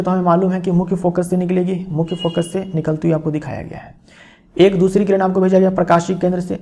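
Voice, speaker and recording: A man's voice: high voice, warm tone. A male teacher explaining a physics lesson, repeating key phrases and checking in with his students as he goes.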